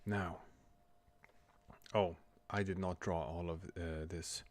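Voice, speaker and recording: Quiet but clear, low-voiced man. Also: steady tone, slight background noise. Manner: quiet but clear, soft late-night talking to avoid waking a child; halting, hesitant. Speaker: livestream host. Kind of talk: casual livestream chat. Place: room at home.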